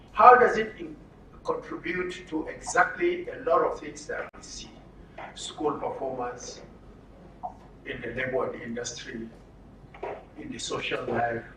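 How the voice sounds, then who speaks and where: A fairly high, pushed and bright voice belongs to a Nigerian-accented man lecturing at a training session. He is emphatic and regularly turns questions to the listeners, and the roomy, distant-mic recording includes background noise.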